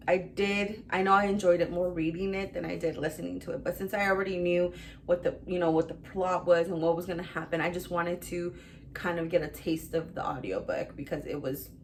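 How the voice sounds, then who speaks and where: A woman's voice: on the low side, gravelly, slight background noise. Chatty young woman gushing about books. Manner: chatty and rambling, full of "like" and "um". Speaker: book reviewer. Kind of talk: casual book review vlog.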